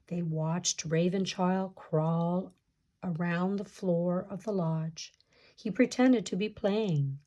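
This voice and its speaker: A woman with a soft-edged, rather low voice reads aloud from a children's picture-book folktale. As storyteller, she paces herself unhurriedly, giving every phrase measured attention for her audience.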